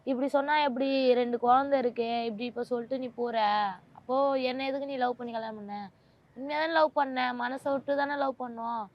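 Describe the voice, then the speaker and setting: A woman's voice: high-pitched, fairly even intonation, fairly quick, lo-fi sound. A woman, a mother of two, speaks in an emotional interview in a pleading, aggrieved and insistent way.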